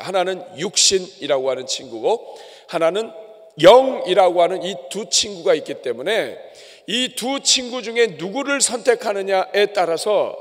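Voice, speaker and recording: A man preaching a sermon as pastor, emphatic and conversational, addressing his congregation. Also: high voice. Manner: emphatic preaching with acted asides. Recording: long hall reverb.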